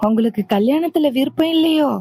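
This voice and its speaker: A woman's voice: sits high, fast, dark tone, close to an everyday voice. A woman voicing a cheerful younger sister in a cartoon, urging her older sister to come home. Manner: urging, teasing. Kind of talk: cartoon voice acting.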